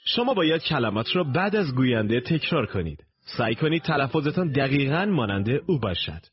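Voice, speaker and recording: A man narrating a recorded language course in slow, deliberate, instructive steps. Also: medium pitch, sing-song. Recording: dull lo-fi tape recording.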